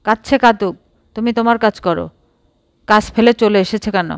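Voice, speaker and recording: A woman's voice: medium pitch, moderate pace, dry recording, clean studio sound, lightly acted. A woman voicing an irritable young mother who speaks harshly, in a storybook reading. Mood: irritated.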